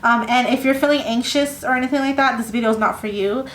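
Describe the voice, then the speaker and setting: A fairly high-pitched woman talks through a tarot reading in a loose, meandering way, often stopping to restart a thought. The room around her rings with echo, and a faint ambient hum sits underneath. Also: fairly bright tone. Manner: rambling, halting, lots of fillers and restarts. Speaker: tarot reader. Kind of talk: casual tarot reading to camera.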